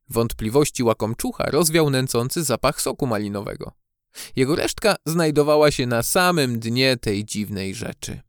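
A man narrating a children's storybook audiobook with expressive, measured storytelling on a close studio mic. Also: medium pitch, no room sound.

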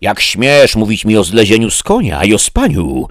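A man voicing a proud, stubborn knight who declaims loudly and solemnly. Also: deep voice, expressive, a little slow, no echo, clean studio sound. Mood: indignant.

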